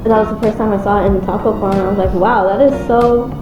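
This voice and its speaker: A woman's voice: medium pitch, steady tone, quick pace, dull audio. A woman chatting casually and enthusiastically in slangy everyday language as she comments on her home cooking. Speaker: home cook describing her recipe. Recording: roomy echo, music behind. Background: background music.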